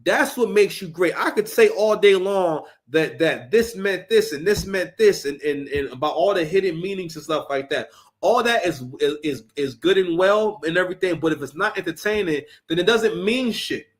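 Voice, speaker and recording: A man's voice: sits high, lively intonation, normal speed. A man, a former battle rapper, hosting a livestream and giving heated, profane commentary, often repeating words as he restarts.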